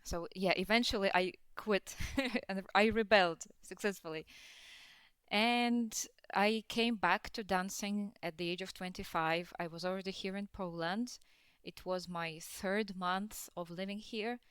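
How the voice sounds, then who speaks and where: A woman's voice: mid-range voice, measured pace, fairly bright tone, clean tone, dry recording. A young adult woman from Russia, a dance teacher and podcast guest, talking in a hesitant way with many fillers and frequent laughs. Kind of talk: casual podcast interview.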